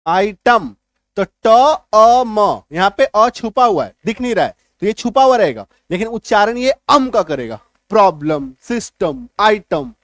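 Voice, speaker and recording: Man, high voice, dry close sound, patient teacher spelling words out and repeating them. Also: no room sound. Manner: explains step by step, asks "ठीक है?" often. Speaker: English teacher. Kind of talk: online spelling lesson.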